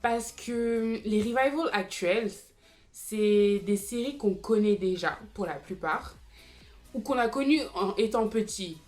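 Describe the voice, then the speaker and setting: A woman's voice: mid-range voice, slow, a little mellow, faint music behind. A woman in her twenties chatting casually to viewers about TV series, with frequent fillers and asides. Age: 20s. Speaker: YouTube TV series commentator. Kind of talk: casual explainer vlog.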